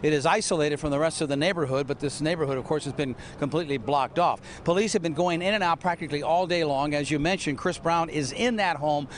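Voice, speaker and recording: A male reporter gives a live news update in a fairly high voice. He speaks steadily, with the odd restart, and a faint rumble runs underneath. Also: fast, few pauses. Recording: news clip with background rumble.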